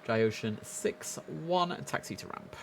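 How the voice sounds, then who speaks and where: A young man streams a game live from indoors at his computer, chatting with enthusiastic, casual commentary. His voice sits on the low side, expressive and unhurried, with some background noise in the recording.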